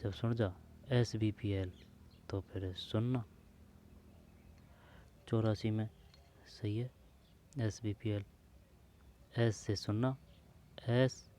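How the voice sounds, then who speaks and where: A man's voice: lowish voice, warm tone, a little hiss or hum. A man working through old exam questions aloud, speaking informally to the listener and repeating the answer options as he checks them. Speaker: exam prep teacher.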